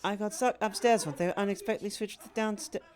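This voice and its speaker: A woman's voice: medium pitch, fast talker, darkish tone. An Australian woman streaming in a casual chat style. She reacts bluntly and swears now and then. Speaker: VTuber streamer.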